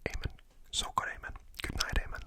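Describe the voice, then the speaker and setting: A young man whispering names over and over as ASMR trigger words, with casual joking asides, in a whispered role-play. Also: quick pace. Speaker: ASMR creator.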